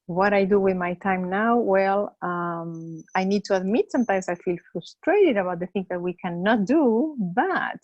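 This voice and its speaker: A middle-aged woman from Argentina, a holistic counselor, answering interview questions slowly with many pauses and fillers. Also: medium pitch, a little mellow, no room sound, highs cut off. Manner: slow, hesitant, many fillers.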